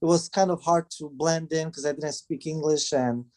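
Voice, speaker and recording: A Romanian man in his forties from Transylvania, a band manager and father, is a guest in a casual interview chat. He answers in English, his second language, with a Romanian accent, hesitantly and with many filler sounds. His voice is a little high and darkish, with fairly even intonation and a moderate pace.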